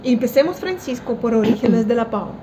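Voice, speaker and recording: A woman's voice: a little high, animated, brisk. A woman hosting a casual interview, bubbly and inquisitive, with short affirmations. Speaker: interview host. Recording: noisy background.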